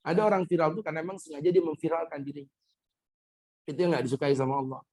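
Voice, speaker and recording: Man preaching, husky voice. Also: on the high side, racing, a little mellow. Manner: humorous, addresses listeners as "Pak", quotes Arabic hadith. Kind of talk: Ramadan mosque sermon. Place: mosque.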